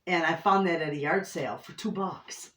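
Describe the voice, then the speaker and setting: A woman's voice: on the low side, normal speed, a bit bright. Woman, middle-aged, Michigan inland accent; folksy homestead vlogger chatting casually, picked up at a distance in a roomy space. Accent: Inland Northern American (Michigan). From Michigan, United States. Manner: folksy, effusive, repeats herself. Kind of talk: casual chat to camera. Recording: roomy echo, distant microphone.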